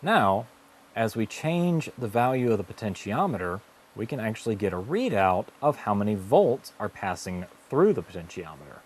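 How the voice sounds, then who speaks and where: Narrating a scripted electronics tutorial, the series' male host and instructor explains things methodically in careful steps. His voice is lowish and very animated, at a moderate pace.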